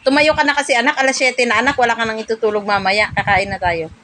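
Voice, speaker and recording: High-voiced, playful mother coaxing her kids. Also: quick pace. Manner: playful, coaxing, laughs often. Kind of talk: casual home video talk to her children. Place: at home. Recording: home video with steady background noise.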